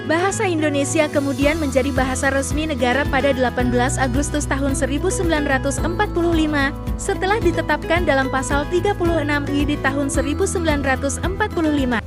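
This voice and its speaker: A woman reading an informational explanation in a clear, explanatory way. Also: high voice, fast, over loud music. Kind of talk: informational narration.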